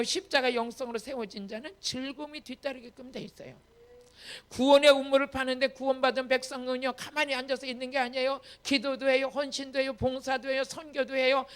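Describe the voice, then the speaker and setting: Woman pastor, high voice, emphatic sermon with repeated calls to the congregation. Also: fairly bright tone. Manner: acts out quoted dialogue in changing voices. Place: church retreat hall, online service.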